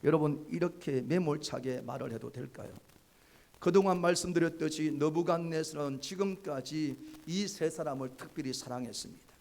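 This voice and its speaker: A man's voice: fairly high pitch, moderate pace, creaky, a little mellow. A male pastor preaching a Sunday sermon in church, asking the congregation questions and having them repeat after him. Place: church sanctuary, live-streamed service.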